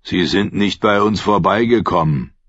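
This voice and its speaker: Cautious young man, as a male reader puts him on, quiet, husky, muffled. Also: deep voice, moderate pace, no echo. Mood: wary.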